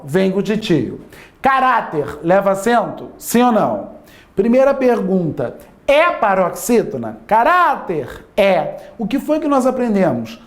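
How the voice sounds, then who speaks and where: A high-pitched man teaches Portuguese grammar, peppering listeners with rhetorical yes-or-no questions throughout and elongating key words to stress them.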